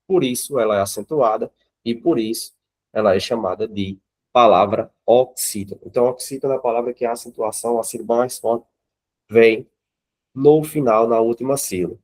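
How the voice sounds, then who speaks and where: A man's voice: mid-range voice, normal speed, darkish tone. Brazilian male teacher, mid-range voice, runs a live class and keeps asking the students questions. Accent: Brazilian Portuguese. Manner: checks in with the class often, asks the students questions. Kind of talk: classroom grammar lesson.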